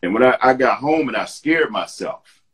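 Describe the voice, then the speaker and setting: A man telling a story in casual chat on a live video call, animated and acting out the voices of the people he quotes. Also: medium pitch, moderate pace. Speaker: guest.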